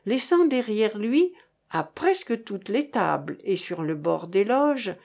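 A woman reads a novel aloud at an unhurried pace. Her delivery is expressive, with a lively, wide-ranging pitch. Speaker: narrator. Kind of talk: audiobook reading of a novel.

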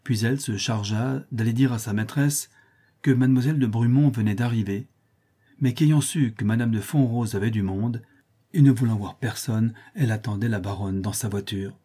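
A man narrating a period novel in the first person as an audiobook, with measured, literary storytelling. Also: medium pitch, dark tone, husky.

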